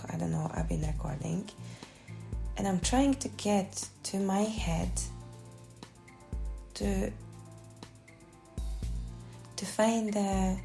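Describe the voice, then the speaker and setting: A woman with a gravelly, dark voice talks through her own podcast in an unscripted, personal way. She restarts words and leans on "you know" as she gathers her thoughts. Faint music plays behind her. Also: mid-range voice. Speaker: coach and podcast host.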